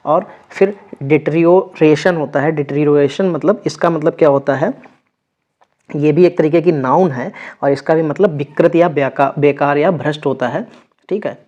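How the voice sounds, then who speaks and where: A man's voice: a little high, normal speed, darkish tone. Man teaching vocabulary, lo-fi recording. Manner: repeats words with frequent check-ins. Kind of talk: exam vocabulary lesson.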